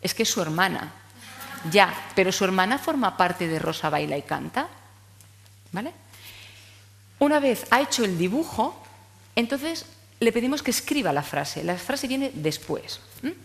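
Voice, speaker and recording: Woman, conference lecturer, mid pitch, reverberant hall. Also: sing-song, measured pace, creaky, pauses often. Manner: explanatory, frequent tag questions. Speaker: speech therapy lecturer. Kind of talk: conference talk to teachers.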